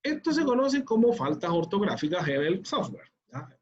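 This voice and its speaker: A man teaches a class, his voice sitting fairly high for a man. He explains each step patiently and keeps checking that students follow. The audio is dull and muffled, as if it came through a lo-fi call. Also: very animated, normal speed. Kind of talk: online class instruction.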